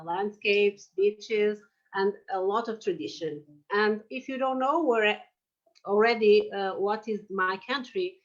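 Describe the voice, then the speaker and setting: In this lo-fi clip, a woman from Portugal in her forties presents an online lecture about oral surgery in a mid-range voice. She has a Portuguese accent, and her phrasing is halting and packed with fillers.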